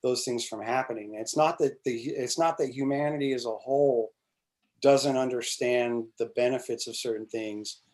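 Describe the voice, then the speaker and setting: A congressional candidate guest in his forties speaks at a normal speed in a medium-pitched, slightly mellow voice. Chatting casually over a video call webcam from a small plain-walled room, he rambles, keeps restarting, leans on fillers and swears casually.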